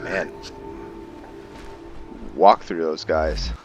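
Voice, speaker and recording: His voice is extremely low and his words drawn out as he casually narrates his own gameplay, chatting to himself in a laid-back manner. Faint music sits behind him along with faint background noise.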